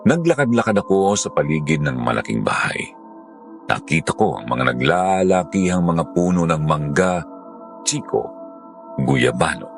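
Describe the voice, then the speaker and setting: A male storyteller reading a first-person horror tale with a low voice. He keeps a measured, dramatic pace, with faint music underneath.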